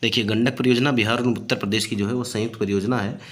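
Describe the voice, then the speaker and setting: A man's voice: lowish voice, steady tone, fast talker, fairly bright tone. A man, a coaching teacher working through past exam questions, explaining each answer with fillers and repeated phrases. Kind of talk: exam-prep lecture solving past questions.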